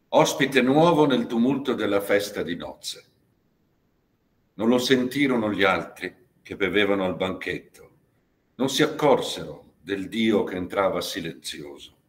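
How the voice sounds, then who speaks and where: A man giving a dramatic poetry reading at a university lecture, measured and expressive, with many pauses and swings in loudness. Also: fairly low pitch.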